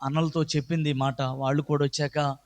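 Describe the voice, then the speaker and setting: A middle-aged man giving an earnest personal testimony at church, his voice swelling loud and high at moving moments. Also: little pitch movement, fairly quick. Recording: echoey hall with long reverb.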